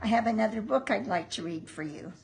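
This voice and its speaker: An older woman, a sweet, affectionate grandmother, reading a picture book aloud to a small child in an unhurried, homely way. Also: medium pitch, expressive, gravelly. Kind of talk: homely storybook read-aloud with asides to a child.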